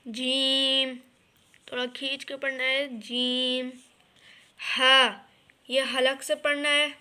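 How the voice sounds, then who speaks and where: Slow, bright-voiced woman teaching recitation. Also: high voice. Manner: patient, repeats each letter and explains pronunciation. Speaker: Quran reading teacher. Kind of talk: slow step-by-step recitation lesson.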